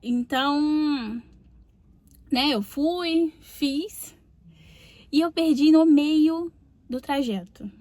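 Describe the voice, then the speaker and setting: A young Brazilian woman with a slightly high voice tells a personal story as host of her own podcast. She is chatty and confiding, and often drops in small tag questions to her listeners. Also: drawn-out words, pauses often, dark tone, no room sound. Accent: Brazilian Portuguese. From Brazil, Rio de Janeiro state.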